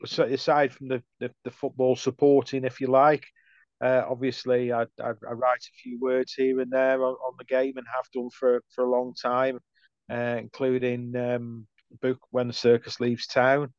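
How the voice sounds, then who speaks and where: Middle aged bloke with a stoke accent, pretty even pitch, stop-start chat, slightly muffled recording. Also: male voice, dry recording. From Stoke, England. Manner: hesitant, halting, with repeated words. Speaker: podcast guest, football writer. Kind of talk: casual interview chat.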